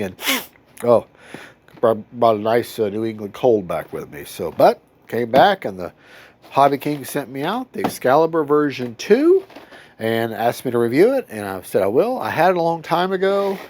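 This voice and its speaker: This RC hobby reviewer has a darkish, mid-range voice made nasal by a cold. Sitting in his home hobby room, he gives a folksy, rambling unboxing review of a model plane, often stopping to correct himself.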